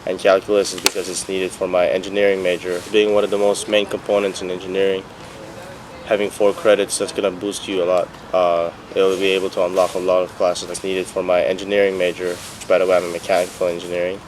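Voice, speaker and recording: A young man who grew up in Bahrain, a student giving a relaxed, casual testimonial with some fillers. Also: low voice, quick pace, background noise. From Philippines, raised in Bahrain. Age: young adult. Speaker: engineering student.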